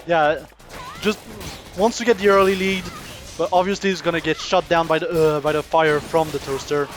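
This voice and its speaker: Hesitant esports co-caster. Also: male voice, on the high side, steady tone, moderate pace, faint music behind. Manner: soft-spoken, hesitant, many fillers. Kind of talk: live esports commentary.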